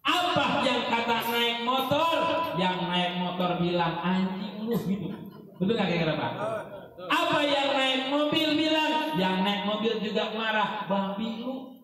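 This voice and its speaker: A high-pitched male preacher delivers a lively, joking sermon and keeps prodding the congregation with questions. His voice rings through a big echoing hall with a long reverb tail. He sounds set back from the mic. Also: measured pace. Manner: animated, teasing the congregation with questions. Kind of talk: humorous sermon at an akikah gathering. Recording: echoey hall, mic heard from a distance.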